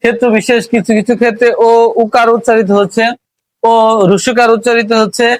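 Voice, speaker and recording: A man's voice: extremely high pitch, little pitch movement, fairly quick, no room sound. A man teaching a spoken language lesson, explaining patiently, repeating points and asking rhetorical questions, with a Bangladeshi Bengali accent. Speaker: English teacher.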